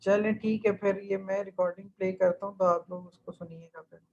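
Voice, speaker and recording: A man's voice: sits high, fairly even intonation, a little fast, a little mellow, slight background noise. A male language teacher giving an online class, patiently repeating drill phrases and explaining each step. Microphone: computer mic in an online class. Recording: dull, lo-fi online class audio.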